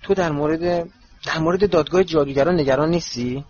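A man's voice: a little high, a little mellow, breathy edge, lo-fi sound, voice pushed up. Hermione, a man voicing an anxious teen girl. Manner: pleading, breathless. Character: teenage girl, anxious and earnest.

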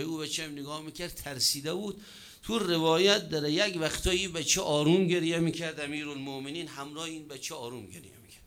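A man preaching a sermon, telling a story with joking asides and sudden shifts in pace and loudness. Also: on the high side.

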